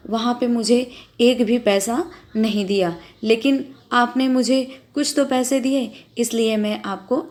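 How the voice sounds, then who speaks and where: A woman's voice: a little high, steady tone, a little slow, lightly acted. A woman voicing a timid, frightened young governess who answers her employer meekly. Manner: meek, fearful.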